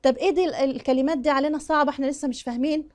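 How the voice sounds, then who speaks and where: Woman, Egyptian Arabic accent, high voice, recitation teacher, corrective, slow demonstrations. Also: fairly even intonation, a little mellow. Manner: corrective, demonstrates right and wrong pronunciations. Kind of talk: tajweed lesson with slow recited examples.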